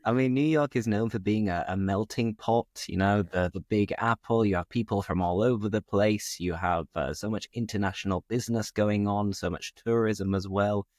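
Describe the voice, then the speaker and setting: An English podcast host who teaches English leads a casual conversation, asking curious, easygoing questions in a British accent. His fairly low, darkish voice moves at normal speed with few pauses, captured in studio quality with no echo.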